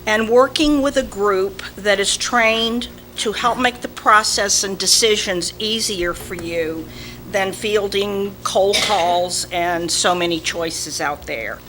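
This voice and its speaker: A woman with a slow Southern drawl, reading a prepared announcement as a community volunteer at a public meeting. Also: medium pitch, a bit bright. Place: indoor village board meeting. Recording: noisy public meeting room recording.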